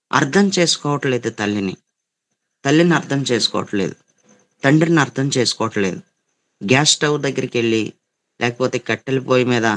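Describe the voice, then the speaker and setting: A man's voice: medium pitch, fairly bright tone. A male pastor with a Telugu accent delivers a sermon in a scolding, repetitive way. He drives each point home by saying it twice and addresses the congregation directly. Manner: repetitive, scolding preaching with quoted voices.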